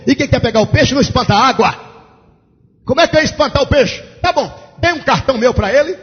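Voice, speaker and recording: A pastor preaches with a very high, husky voice, telling a story and rising to shouts. It sounds like a long-echoing church hall on a dull, lo-fi recording. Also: male voice, animated, fast. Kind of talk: storytelling sermon. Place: large church.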